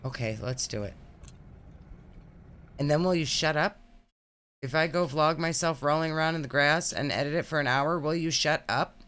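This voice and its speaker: A woman's voice: deep voice, normal speed, long pauses, fairly bright tone. A woman co-hosting a reaction stream, chatting casually with a teasing, sarcastic manner as she reads and answers chat.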